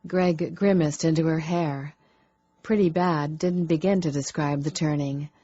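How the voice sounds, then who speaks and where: A woman calmly narrating a romance audiobook in a measured way. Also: low-pitched, breathy edge, muffled recording. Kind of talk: scripted narration.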